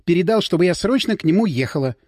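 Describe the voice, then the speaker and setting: Brief: man playing scared young woman, high, lively, pleading, dry close read. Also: fast, dry recording. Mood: defensive. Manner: pleading, defensive. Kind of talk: audiobook character voice.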